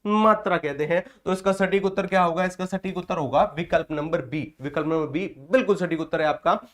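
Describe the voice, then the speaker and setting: A man with a fairly high voice teaches an online exam-prep class. He works by call and response, putting each question to the class, repeating it, then giving the answer. Between questions he reads out viewer comments and praises them. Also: steady tone, fast.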